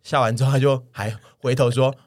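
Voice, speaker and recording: A young man with a Taiwanese Mandarin accent, co-hosting a podcast in casual chat and telling a story with lively acted-out quotes. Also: mid-range voice, a little fast. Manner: animated storyteller, acts out his own shouting in quotes. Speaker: podcast co-host.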